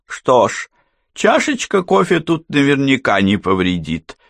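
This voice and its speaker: A man voicing a short, stocky woman bartender with a hoarse, gruff voice who barks orders, in an audiobook. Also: mid-range voice, sing-song, unhurried, dry recording, clean studio sound, voice pushed up, heavily acted. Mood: dry. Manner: barking, shouting orders.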